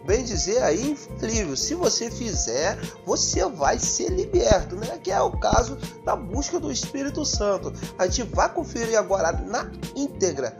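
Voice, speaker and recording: A man's voice: very high-pitched, big pitch swings, moderate pace, hardly any pauses. A man with a Brazilian Portuguese accent, hosting a channel and giving a friendly, chatty introduction full of fillers. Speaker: channel host. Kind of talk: casual video introduction. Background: music.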